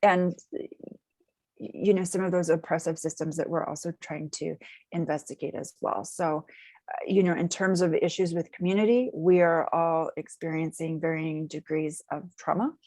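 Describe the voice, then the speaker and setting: Low-voiced woman speaking in measured, jargon-heavy phrases. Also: fairly even intonation, darkish tone, no echo. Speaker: community agency representative. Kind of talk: interview answers.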